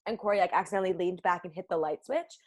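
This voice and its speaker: A woman's voice: fairly low pitch, rapid-fire. A young woman co-hosting a podcast in casual chat, laughing often and reacting with short quips. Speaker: podcast co-host.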